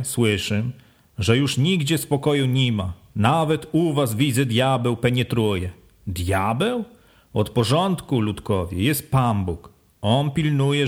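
A man voicing an old, pious wandering beggar who talks slowly and gravely. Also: mid-range voice, animated.

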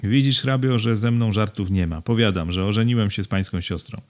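Man doing a gruff bullying upstart boss. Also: on the low side, brisk, darkish tone, close to an everyday voice. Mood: threatening. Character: coarse domineering upstart man, blunt and threatening.

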